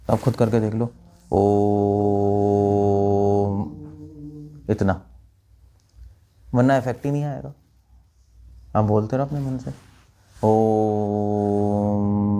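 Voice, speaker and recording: A monk gives a spiritual talk to a live group. His voice is dark and mellow. He quizzes his listeners and chants lines to show how they should sound. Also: mid-range voice. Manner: questioning listeners, demonstrating chants. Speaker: monk teacher.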